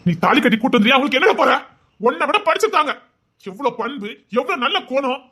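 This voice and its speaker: An actress playing an angry sibling who scolds a cheating brother with contemptuous, rapid-fire questions, in serial drama style. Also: female voice, high-pitched, very animated, a bit bright. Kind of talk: Tamil serial drama acting.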